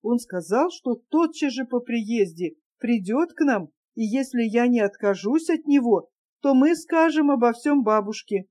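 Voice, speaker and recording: A woman's voice: fairly high pitch, expressive, unhurried, mellow. A woman reading a young woman's lines in a novel, earnest and close to tears. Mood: tearful. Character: young woman, tearful and anxious.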